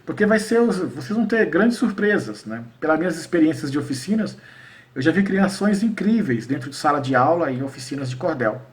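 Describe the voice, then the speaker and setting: A man's voice: on the high side, animated. Northeastern Brazilian man teaching, slightly distant mic. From Paraíba, Brazil. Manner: explanatory, checks in often with "né?" and "tá?", recites verses slowly. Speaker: cordel poet teaching educators. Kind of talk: informal lesson.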